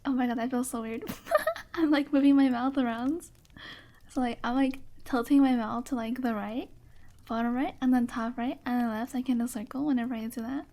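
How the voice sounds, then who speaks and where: A woman with a high, light voice chats casually on a live stream. She laughs easily, answers her viewers' requests and keeps apologizing and poking fun at herself. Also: fairly even intonation, a little fast, a little mellow. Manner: giggly, laughs often; apologetic and self-mocking.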